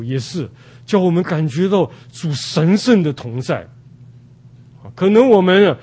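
An older man from Taiwan preaching a sermon at an unhurried pace, with many drawn-out "ah" fillers. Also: a little high, darkish tone.

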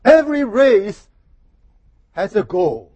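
High-voiced man preaching at a pulpit microphone. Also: sing-song, warm tone, no room sound, muffled recording. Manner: measured, pausing after each phrase. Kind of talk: sermon delivered in short phrases for an interpreter.

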